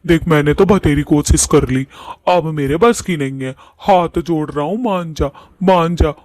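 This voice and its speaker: A henpecked cartoon ghost husband, as a man voices him, pleading in an unusually high voice. He sounds exasperated with his wife. The recording is dry and close. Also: unhurried, darkish tone, no room sound, natural voice. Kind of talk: cartoon voice acting.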